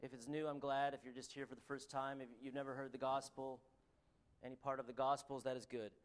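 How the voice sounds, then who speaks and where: With a level tone at medium pitch, a Canadian-accented man preaches and reads scripture. He sounds earnest but halting, frequently pausing with ums and starting over.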